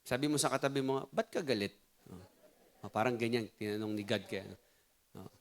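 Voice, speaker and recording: A man with a Filipino accent preaching a sermon as pastor, mixing Tagalog and English in an animated, conversational way. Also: mid-range voice, a little fast.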